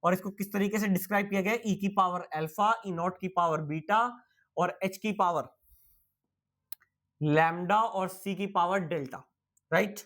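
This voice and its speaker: Male physics teacher, slightly high voice, chatty, tired. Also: normal speed, a bit bright. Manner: chatty, calls students bhai, asks and answers his own questions. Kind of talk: casual exam-prep lecture.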